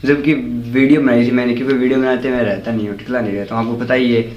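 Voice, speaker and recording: A male vlogger chats casually as he moves between his home and the lane outside in the rain, constantly pointing things out to viewers. He talks fast in a flat, medium-pitched voice, and the audio is dull.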